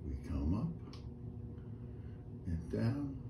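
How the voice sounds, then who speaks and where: Slow, calm male fitness instructor. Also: low-pitched, gravelly. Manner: calm, step-by-step cues with breathing counts. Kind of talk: guided chair exercise class. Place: small indoor room with a painted wall. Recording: roomy echo, faint room noise.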